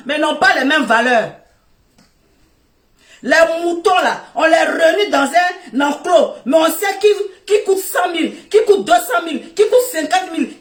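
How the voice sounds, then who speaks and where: A high-pitched middle-aged woman with a West African French accent rants on a phone live stream, loud and laughing as she scolds. Her voice sits back from the mic in an echoey room. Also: distant mic. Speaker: Facebook live host. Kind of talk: Facebook live rant.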